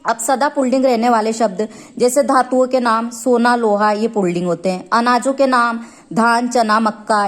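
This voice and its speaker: A woman teacher with an Indian accent slowly explaining a grammar lesson from a textbook, stretching out the example words. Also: a little high. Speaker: school teacher.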